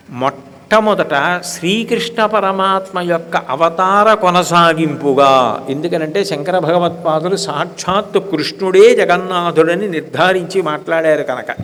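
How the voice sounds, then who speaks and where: An older man with a Telugu accent giving a slow, emphatic devotional discourse, now and then chanting verses. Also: high voice, a bit bright. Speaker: spiritual discourse speaker. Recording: reverberant hall with faint background hiss.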